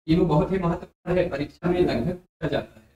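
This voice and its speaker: A man teaching a Hindi grammar lesson for exam preparation, explaining slowly and repeating letters and sounds aloud for his students. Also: high-pitched, fairly even intonation, a little mellow, dull audio. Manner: addresses viewers as dear friends. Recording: very echoey room.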